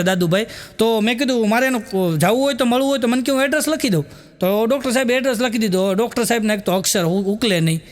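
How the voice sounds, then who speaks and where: A middle-aged man with a Gujarati accent, his voice sitting high for a man, works through a string of comic anecdotes. He laughs along with his own stories and acts out the quoted lines himself. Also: fairly bright tone. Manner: storytelling with acted quotes and frequent chuckles. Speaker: stand-up comedian. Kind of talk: Gujarati joke telling.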